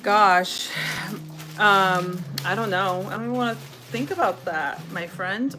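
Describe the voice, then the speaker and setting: In a low-quality recording, a US woman with a mid-range voice talks at a measured pace as she hosts a livestream from her home kitchen while cooking. She reads viewers' comments aloud and responds in casual chat, music playing behind her.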